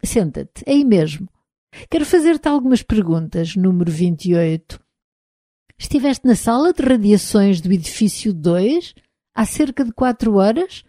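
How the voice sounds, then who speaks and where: A woman's voice: medium pitch, animated, a little slow, warm tone, no echo, clean studio sound. A woman voicing a stern, controlled psychologist who questions firmly. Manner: firm, questioning, restrained. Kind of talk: audiobook character reading.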